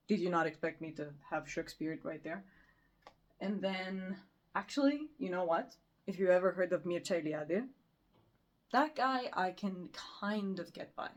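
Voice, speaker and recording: A woman's voice: on the low side, a little mellow. A young woman from Romania in a casual, rambling chat, self-deprecating and full of fillers. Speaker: book vlogger. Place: bedroom.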